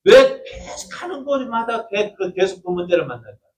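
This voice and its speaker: A man's voice: high voice, big pitch swings, moderate pace. A male pastor giving a Sunday afternoon sermon, often asking the congregation questions and answering them himself. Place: church sanctuary. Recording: distant mic with faint room noise.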